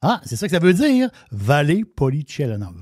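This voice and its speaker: A man's voice: sits high, huge pitch swings, quick pace, darkish tone, no echo, studio quality. A man with a Québécois French accent giving a wine segment on a radio show, in enthusiastic, rambling casual chat with many restarts. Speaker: wine columnist.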